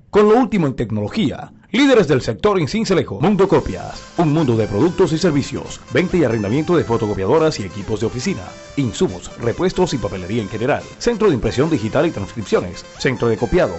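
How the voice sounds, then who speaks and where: A man with a Colombian Caribbean coast accent reading radio ads in a brisk, punchy sales delivery. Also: mid-range voice, big pitch swings, darkish tone. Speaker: advertising announcer. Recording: lo-fi radio recording with music behind.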